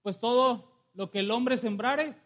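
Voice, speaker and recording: A man's voice: extremely high pitch, fairly bright tone. A male preacher with a Mexican Spanish accent giving a sermon, telling stories and calling the congregation to say amen. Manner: storytelling, calls for amen, slows on key phrases.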